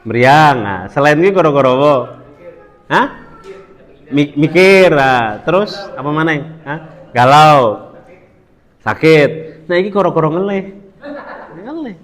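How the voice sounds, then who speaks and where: A preacher with a Javanese accent gives a religious study talk, telling a story, quoting Arabic, asking the audience questions, and switching between Indonesian and Javanese. His fairly bright voice is a little high with lively intonation, and he speaks at a measured pace with frequent pauses. Long hall reverb fills the recording.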